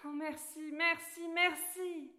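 An eager young girl from a storybook, pitched well above the reader's usual voice, as a woman puts her on. She speaks slowly and brightly, with an excited, pleading edge. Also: echoey room. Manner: high, excited, pleading delivery.

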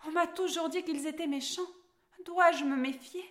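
A woman's voice: very high voice, fairly even intonation, normal speed, fairly bright tone, voice pushed up. A woman voicing a curious, eager little girl heroine in a storybook reading.

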